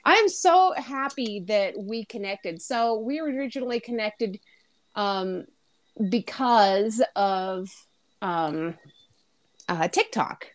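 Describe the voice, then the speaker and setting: A woman's voice: medium pitch, expressive, slow pace. A woman hosting an interview show, enthusiastic and encouraging toward her guest. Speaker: podcast host.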